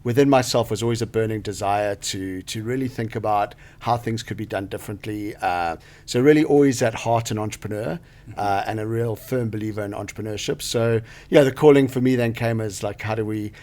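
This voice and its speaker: In a studio, a Zambian man who is a venture capital partner answers interview questions as a guest. He is thoughtful but uses frequent fillers and restarts. His voice is fairly low, brisk and a little mellow.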